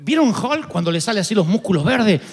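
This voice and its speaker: High-voiced Argentine pastor in a reverberant hall. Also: male voice, fairly quick. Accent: Argentine Spanish. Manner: animated storytelling with sudden shouts and humor. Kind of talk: sermon. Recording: long reverb of a large hall.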